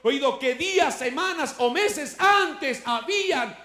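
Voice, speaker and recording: A man's voice: extremely high pitch, animated, takes it slowly, bright, forceful tone, roomy sound. A male pastor, preaching a sermon in a conversational way, full of rhetorical questions, and rising in force when he quotes scripture. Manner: voice swells when quoting scripture.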